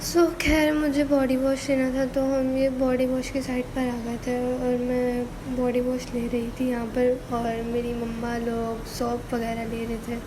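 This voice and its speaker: A woman's voice: high voice, noisy background. A young woman vlogger with a sore throat, narrating her shopping trip in a chatty, rambling way. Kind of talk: casual vlog voice-over narration.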